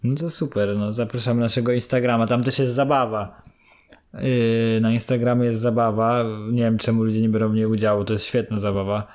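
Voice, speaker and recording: A man co-hosting a loose, casual podcast. He argues heatedly with his partner and swears freely. His voice sits at a middle pitch. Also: level tone, fairly quick, a little mellow. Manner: heated, swears, then laughs. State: irritated. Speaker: podcast co-host.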